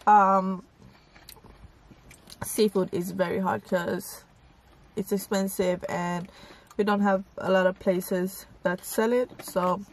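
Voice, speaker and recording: A woman hosting a mukbang food vlog, chatting casually with her audience while eating and sometimes stopping to search for a word. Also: mid-range voice. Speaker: mukbang channel host.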